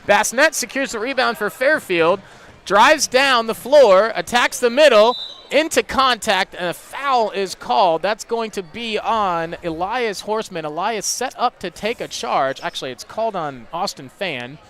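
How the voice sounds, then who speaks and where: A man doing rapid play-by-play for high school basketball on radio, chatting with his co-hosts between plays. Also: animated, fairly bright tone. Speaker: play-by-play announcer.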